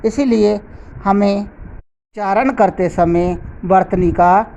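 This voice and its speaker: A woman teaching a grammar lesson, who speaks slowly and deliberately and repeats each example word. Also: medium pitch, fairly even intonation, dark tone, poor audio. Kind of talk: slow explanatory lesson.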